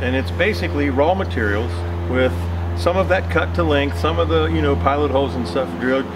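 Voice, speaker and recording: A man's voice: mid-range voice, far from the mic. An older man giving a factory tour of aircraft kits in a hangar, explaining with many fillers and restarts. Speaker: aircraft kit manufacturer. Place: large aircraft workshop hangar. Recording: noisy hangar background.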